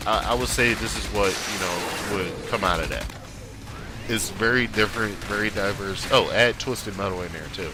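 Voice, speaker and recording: Casual male gameplay commentator, low register, slightly sniffly, rambling and offhand delivery, noticeable background noise. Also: normal speed, hardly any pauses. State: sniffly with a mild cold, occasional coughing. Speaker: gaming video commentator. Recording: clearly noisy voice-over recording.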